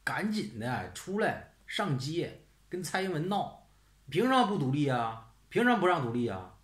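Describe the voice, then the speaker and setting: A man's voice: fairly high pitch, very animated, moderate pace. A man hosting his own channel, ranting in a blunt, sarcastic, casual way. He swears often and keeps throwing out rhetorical questions. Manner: rhetorical questions, "是不是" tag. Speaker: channel host. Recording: roomy echo.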